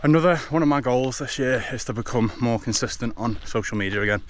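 A man's voice: mid-range voice, fast talker. A man in his twenties with an English accent, chatting casually to his camera while out of breath from running. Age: 20s. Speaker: fitness vlogger. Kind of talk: casual vlog chat. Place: outdoors on a forest trail. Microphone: action camera at arm's length. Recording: noisy outdoor action-camera audio.

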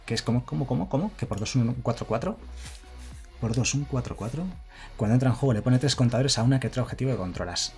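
A man commenting live on his card game, chatting casually and reading viewer messages aloud. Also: mid-range voice. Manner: chatty, reads chat aloud and thanks followers. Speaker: streamer.

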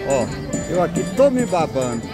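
Lively high-voiced Northeastern Brazilian man, jovial. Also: normal speed. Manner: jovial, teasing, repeats short exclamations. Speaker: vlogger touring a street market. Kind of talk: casual spontaneous market commentary. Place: outdoor street market. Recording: busy outdoor market with music and traffic.

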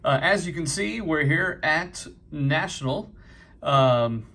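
A man's voice: fairly high pitch, lively intonation, slow pace, bright, forceful tone. A middle-aged man with a New England accent, casually chatting while opening trading card packs, full of fillers and upbeat remarks. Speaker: card collecting vlogger. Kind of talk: casual pack-opening commentary. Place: busy convention hall.

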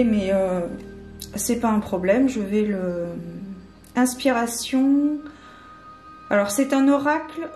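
A woman's voice: medium pitch, a little mellow. A woman chatting casually through a candle unboxing, hesitant and full of fillers. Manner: hesitant, many fillers and restarts. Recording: echoey room with faint music.

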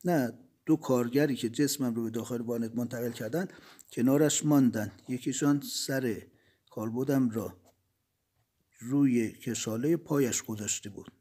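A man reading as a calm engineer recalling death. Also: medium pitch, natural voice. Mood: reflective. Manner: measured, reflective storytelling. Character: dead male engineer recounting leaving his body, calm.

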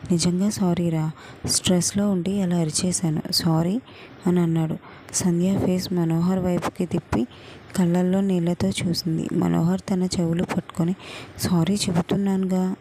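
A woman reads a love story aloud in a low, mellow voice. Her tone stays flat and steady, even when her characters argue. A faint hiss sits under the recording. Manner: reads every part in her own voice, even and calm. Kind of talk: storybook narration.

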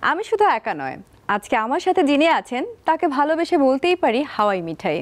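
A woman hosts a television talk show with a fairly high voice and an upbeat, teasing manner. She welcomes her guest and drops English phrases into her questions. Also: sing-song, fairly quick. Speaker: TV show host. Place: TV studio.

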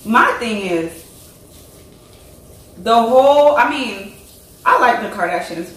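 A woman hosting a casual chat over a meal, chatty and excitable, laughing often. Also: fairly high pitch, slow. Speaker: host. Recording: echoey room, mic far off.

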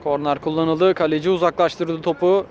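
A man's voice: on the high side, steady tone, moderate pace, darkish tone, a little hiss or hum. A man giving live play-by-play football commentary in short, clipped phrases, raising his voice for shots and goals. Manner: short, clipped phrases naming players and moves.

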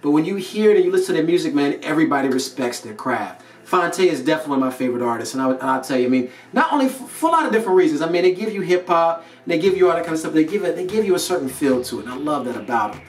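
Racing along with few pauses, an animated, fairly high-pitched American man in his thirties gives a casual, emphatic, slangy motivational talk to camera. He's from North Carolina, United States, and hosts a motivational video series from an indoor studio with a plain grey backdrop. The recording has a roomy echo, a distant mic, and music behind.

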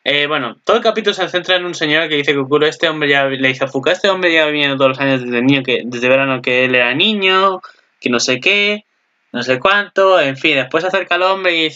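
A young man talks through an anime episode in a loose, excitable ramble, swearing now and then and tripping over his own sentences. His voice sits a bit high and sounds bright and tense. The recording is dull and lo-fi. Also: fairly quick. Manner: rambling, excitable, swears casually, frequent restarts. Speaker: anime commentator. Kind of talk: casual recap commentary.

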